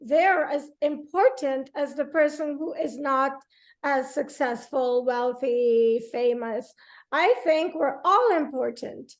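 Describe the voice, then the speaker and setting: A woman's voice: sits high, slow. A woman hosting an interview, speaking earnestly in long flowing runs. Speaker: podcast host.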